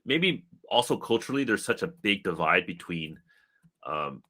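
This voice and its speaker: A middle-aged man hosting a relaxed, casual interview, asking questions and laughing easily. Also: low-pitched, normal speed. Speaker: interviewer, channel host.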